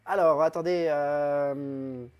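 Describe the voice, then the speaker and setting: A man's voice: on the high side, fairly even intonation, takes it slowly, background noise. A man hosting his own web TV show, rambling and self-mocking with many hesitations. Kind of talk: comic solo live stream.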